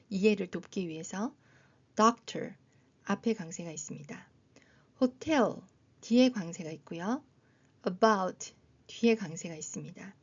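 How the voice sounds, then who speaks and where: A woman teaching English phonics to adult learners, patiently explaining in Korean and modeling each English word slowly. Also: mid-range voice, dark tone, breathy edge. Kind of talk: slow, careful phonics lesson. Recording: dull, slightly lo-fi sound.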